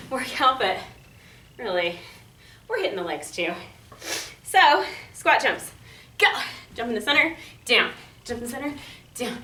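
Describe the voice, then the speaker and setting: A woman coaches a workout with a high, very lively voice that swings up and down. She is peppy and encouraging, tossing out casual cues and counts as she exercises. The sound is echoey, picked up from across an indoor room. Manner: exerting herself while talking. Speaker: fitness instructor. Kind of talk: workout instruction, coaching along while exercising. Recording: echoey room, distant microphone.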